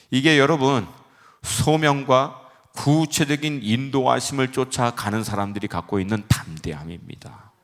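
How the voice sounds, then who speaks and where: A man who is a pastor, preaching a Friday-service sermon in animated storytelling style, acting out the quotes in his stories. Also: mid-range voice, creaky, in a large hall. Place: church sanctuary.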